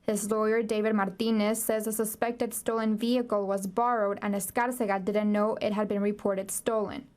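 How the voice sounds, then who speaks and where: A woman narrating a TV news report in a crisp, formal delivery. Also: medium pitch, little pitch movement, moderate pace, few pauses, darkish tone.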